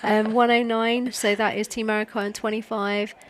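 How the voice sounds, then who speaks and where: A woman's voice: fairly high pitch, little pitch movement, normal speed. A woman commentating live on a sport event in a chatty, joking way, often thinking aloud.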